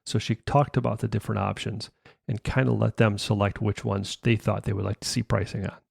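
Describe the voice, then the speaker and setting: A man with a low, gravelly voice tells a story in a loose, conversational way, doubling back on his words and tossing in tag questions. The sound is dry and close, with no room around it. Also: flat delivery, fairly quick, no echo. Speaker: podcast host. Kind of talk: casual storytelling about sales.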